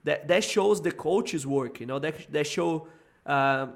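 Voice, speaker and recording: A man, a guest coach in a casual sports chat, speaking English as a with thoughtful, halting phrasing. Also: on the high side, gravelly. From Brazil. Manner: thoughtful, hesitant, repeats words while searching for them.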